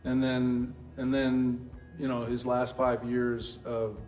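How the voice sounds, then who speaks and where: Middle aged new hampshire guy, ex football player, rambly halting interview talk, bit of music behind. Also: medium pitch, completely flat delivery, darkish tone. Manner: rambling, halting, with many restarts. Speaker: guest, former pro football player. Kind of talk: casual interview storytelling.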